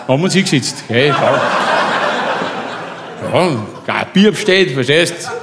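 A man's voice: a little high, expressive, slow pace, background noise. A man with a Bavarian accent telling a comic story in a rambling, chummy way and keeps checking in with his listener.

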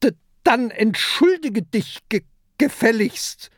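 Narrator doing a tiny stammering pirate boy, high and squeaky, storybook audiobook. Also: lively intonation, slow pace, a bit bright, breathy edge, no room sound, clean studio sound, exaggerated voice. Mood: scolding. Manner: stutters on first sounds. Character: small anxious boy pirate who stutters.

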